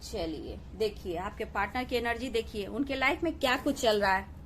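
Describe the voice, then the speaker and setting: A woman's voice: on the high side, animated, moderate pace, slight background noise. A woman giving a collective tarot reading, addressing viewers as "dear" and often repeating "okay" to reassure them. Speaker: tarot reader.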